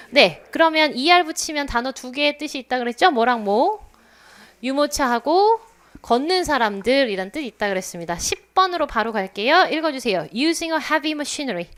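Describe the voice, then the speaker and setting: A woman teaching an English test class at an academy, drilling phrases and repeating English words slowly for students. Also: sits high, fairly bright tone. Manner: drills phrases with slow, exaggerated English repetition. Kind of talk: classroom lecture. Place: lecture room at a language academy.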